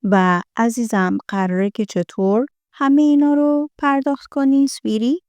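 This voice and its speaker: A woman teaching English from film lines, repeating each line slowly in an American accent and then explaining it. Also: a little high, fairly even intonation, darkish tone, clear, resonant tone, dry recording, lo-fi sound.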